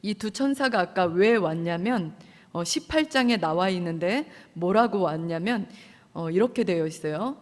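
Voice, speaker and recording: A woman's voice: on the low side, animated, moderate pace, big-room sound. A woman preacher giving a conversational sermon, retelling a story with amusement and quoted lines. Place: church service hall.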